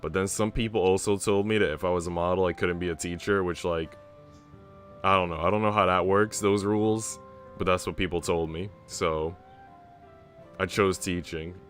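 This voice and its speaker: This young game streamer plays a visual novel with music behind him, his voice low, steady and a little bright at a normal speed. He's laid-back and slangy, moving between casual chat and reading aloud.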